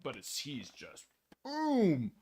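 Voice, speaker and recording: Running a live card break, an easygoing young man speaks slowly in a voice on the high side, slightly rough. He casually lists numbers steadily as he loses his voice and it gets more worn.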